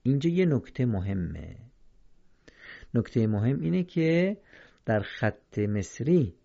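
A man teaching the rules of Quran reading in a recorded lesson, speaking slowly and carefully and repeating each example to set right readings against wrong ones. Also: medium pitch, gravelly, darkish tone, lo-fi sound.

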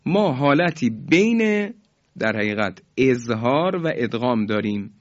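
A man teaching Quran recitation rules in a formal, polite way, explaining each rule and then chanting the examples slowly and drawn out for students to repeat. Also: mid-range voice, big pitch swings. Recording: dull lo-fi recording.

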